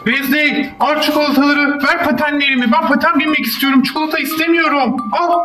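Guy voicing a whiny toy neighbor dude, super high pitched, far off in a roomy space. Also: flat delivery, fast. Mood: pleading. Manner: plaintive, childlike complaining. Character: whiny toy neighbor man wanting his skates. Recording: echoey room, voice from far off. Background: music.

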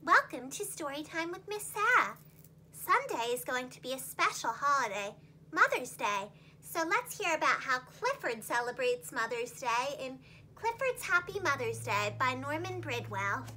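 A young woman with a very high voice tells a story to young children at a moderate pace, her pitch swinging widely and her phrasing dramatic, just like a preschool teacher. The room is small with a plain wall behind her, and a faint hum is present.

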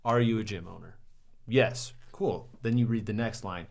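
Young guy breaking down ads at his desk, lowish voice, upbeat, says um a lot. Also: normal speed, gravelly, a little mellow. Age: young adult. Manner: upbeat, many "um"s and "right?". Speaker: marketing reviewer. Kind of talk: casual ad critique to camera. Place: small bright studio, seated at desk.

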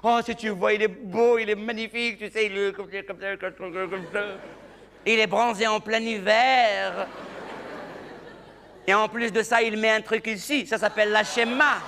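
A man's voice: high-pitched, steady tone, moderate pace, bright, forceful tone, a little hiss or hum. A male comedian voicing an exasperated young woman in love, pleading in breathless outbursts. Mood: gushing. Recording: reverberant hall.

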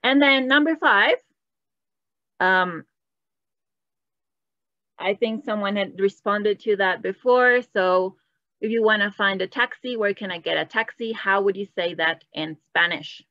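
A Latin American woman teaches an online Spanish class with patience and encouragement, switching between English and Spanish to praise her students. Her mid-range voice is slow and sharp-toned, with frequent pauses, and the recording is muffled with no echo. It's a bilingual online language lesson.

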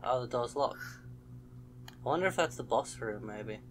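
A man's voice: medium pitch, animated, moderate pace, noisy background. A young man hosting a horror let's play, commenting as he goes and yelping at the scares. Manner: jumpy, exclaims and yelps at scares.

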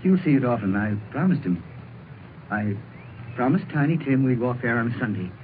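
An actor playing a meek, mourning father, soft, halting and sorrowful in 1930s radio drama style. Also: mid-range voice, expressive, natural voice. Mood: quiet sorrow. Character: meek, heartbroken father mourning his small son. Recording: muffled, noisy 1930s radio recording.

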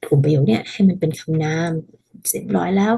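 A woman teaching a casual language lesson, patiently explaining and repeating phrases slowly so learners can practice. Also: on the low side, creaky, dark tone, slightly rough, low-quality recording.

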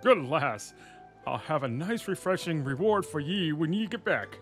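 A man's voice: on the high side, lively intonation, normal speed, a bit bright, soft background music. A man voicing a boisterous male merchant boss who talks in a folksy, archaic way. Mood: pleased. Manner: folksy archaic speech, calls people lass.

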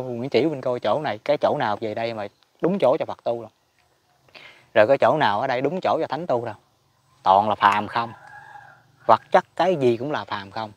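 A man's voice: medium pitch, no echo. A man giving a casual Buddhist teaching talk, chatty and emphatic, chuckling often. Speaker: spiritual teacher.

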